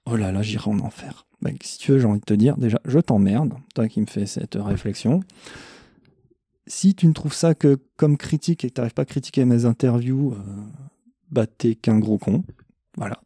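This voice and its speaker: A man talks straight into a close microphone with no room sound at all. His voice is deeply dark and mellow. He answers listener questions about his metal podcast bluntly and with plenty of swearing. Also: normal speed, husky, dry recording. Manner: blunt, irreverent, swears freely. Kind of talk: casual monologue answering questions.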